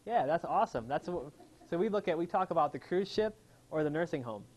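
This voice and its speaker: Through lo-fi sound, a slightly high, slightly mellow male voice comes across animated and fairly quick. The speaker is a chiropractor holding an enthusiastic live health seminar, firing questions at the audience in the room.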